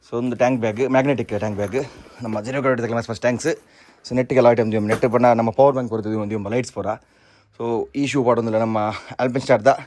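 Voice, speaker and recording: A moto vlogger casually walks through his riding and camping gear, showing each item one at a time in a chatty way. His voice is mid-range and a little mellow, with faint background noise.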